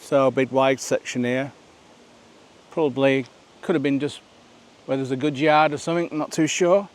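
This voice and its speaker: A man's voice: medium pitch, steady tone, moderate pace. A man narrating a walking vlog outdoors on a rural nature trail, chatty and rambling, asking viewers questions as he goes. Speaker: vlogger.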